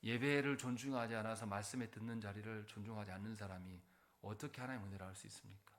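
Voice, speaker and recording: A man's voice: on the low side, steady tone, quick pace, fairly bright tone. A man preaching a Sunday sermon in church as pastor. He keeps putting rhetorical questions to the congregation and answers them himself, pressing points with shifting force. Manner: emphatic, rising and falling in force.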